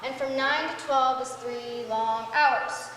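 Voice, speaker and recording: A woman's voice: a little high, fairly even intonation, a bit bright. A young woman acting an impatient young girl in love in a stage play, pleading and urging for news, on a school stage. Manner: impatient, pleading, quick to urge. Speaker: student actor. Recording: echoey hall, stage mics, faint noise.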